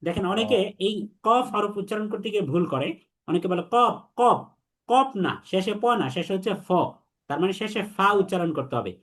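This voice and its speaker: A young man teaching Arabic letter pronunciation, repeating sounds slowly for students to echo back. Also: sits high. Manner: slow, repetitive drilling, has students repeat after him. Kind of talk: online lesson on Arabic letters.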